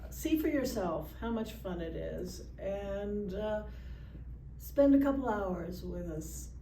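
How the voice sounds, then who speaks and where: A woman's voice: medium pitch, lively intonation, slow, mellow. A woman talking casually as an event organizer in an interview. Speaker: gathering organizer, interview guest. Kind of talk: casual conversational interview talk. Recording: roomy, distant mic, faint noise.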